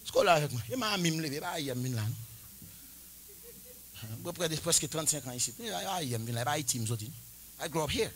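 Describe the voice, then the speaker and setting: A man in his forties preaching a sermon, chanting and shouting at the peaks and dropping to quiet, confiding talk between them. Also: a little high, expressive, moderate pace, long pauses, a little hiss or hum. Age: 40s. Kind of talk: Pentecostal-style sermon.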